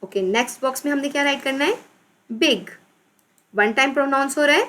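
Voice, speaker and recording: A woman teacher with a Pakistani accent explaining a children's English lesson, reading English words slowly, repeating them and spelling them out. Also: high voice, fairly bright tone.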